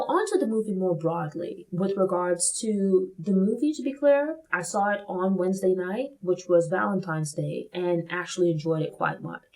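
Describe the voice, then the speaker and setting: A woman from Brooklyn, New York, hosts a casual spoken film review. She talks thoughtfully at a mid pitch, often hedging her points with "like" and "you know." Her delivery sounds like relaxed conversation, not a script. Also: low-quality recording.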